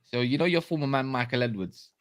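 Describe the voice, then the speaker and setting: Fast-talking London roadman. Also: mid-range voice, lively intonation. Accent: London, urban street slang. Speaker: football show panellist. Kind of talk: casual banter.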